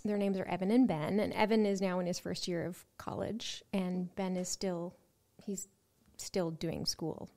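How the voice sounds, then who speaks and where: Woman from Nova Scotia, casual interview guest, chatty, quick to laugh. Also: lowish voice, steady tone, mellow. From Nova Scotia, Canada. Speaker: guest, TV co-host.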